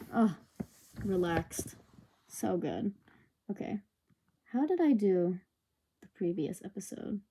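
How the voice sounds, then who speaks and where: Chatty young woman, mellow voice. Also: fairly low pitch, slightly rough. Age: young adult. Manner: rambling, self-conscious, chatty with fillers. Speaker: podcast host. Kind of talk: casual solo podcast chat. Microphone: sensitive desk microphone.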